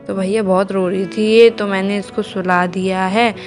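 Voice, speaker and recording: A woman's voice: medium pitch, little pitch movement, normal speed, soft background music. A young woman from India, narrating her day at home casually to viewers while minding her baby. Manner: chatty, homely, talks to viewers and baby. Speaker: vlogger mother. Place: home indoors.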